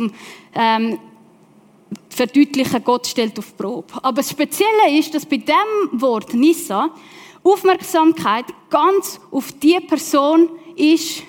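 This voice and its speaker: A woman with a Swiss German accent preaching a sermon, telling the story with lively questions to her listeners. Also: high-pitched. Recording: long reverb of a large hall.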